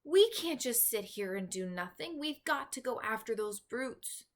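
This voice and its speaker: A woman voicing an excitable, determined young orphan girl with emphatic, urgent delivery in a children's storybook. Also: a little high, a little slow, voice pushed up. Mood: desperate, pleading. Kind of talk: children's storybook read-aloud.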